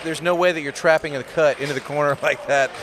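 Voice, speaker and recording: A man's voice: on the high side, steady tone, fast, crowd noise. Casual analytical male color commentator. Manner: analytical, casual, questioning his partner. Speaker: air hockey commentator. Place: tournament venue. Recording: noisy venue audio.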